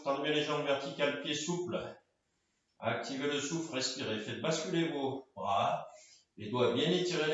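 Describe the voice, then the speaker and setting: A man leading a guided floor-exercise session, giving calm, directive cues in short phrases. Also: fairly high pitch. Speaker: karate and fitness instructor. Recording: echoey room, distant mic, dull sound.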